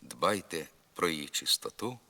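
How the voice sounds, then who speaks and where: A man giving scripted educational narration as a pronunciation instructor, enunciating each example word slowly and carefully. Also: rumbling low, sing-song, creaky, sharp tone.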